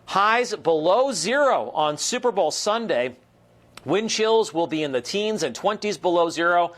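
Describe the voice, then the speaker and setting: An American man presenting a TV weather forecast in an explanatory, ad-libbed broadcast style with measured emphasis. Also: high-pitched, expressive, fairly bright tone.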